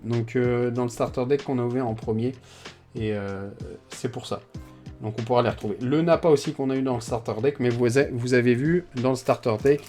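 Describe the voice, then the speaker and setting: Guy rambling through a card pack opening, lots of pauses, soft music under it. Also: mid-range voice. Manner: chatty and hesitant, often trailing off. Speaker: card collector opening packs. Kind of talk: casual unboxing commentary.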